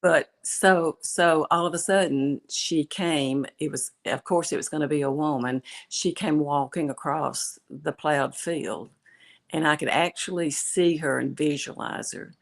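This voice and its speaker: Gravelly older Southern woman telling stories. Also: low-pitched, a little slow. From West Tennessee. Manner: chatty storyteller. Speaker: novelist guest. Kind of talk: casual chat.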